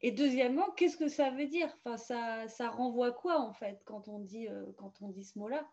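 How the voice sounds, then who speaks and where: A woman's voice: on the high side, moderate pace, mellow. A woman presenting youth information in a casual, hesitant way, full of fillers and restarts, over a video call. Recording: dull lo-fi video call audio.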